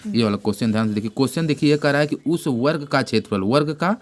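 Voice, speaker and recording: A man tutors one pupil in an informal math lesson at an ordinary middle pitch. He repeats every new term and quizzes the pupil with quick questions. His delivery is plain and chatty, with frequent restarts. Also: animated. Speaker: math teacher.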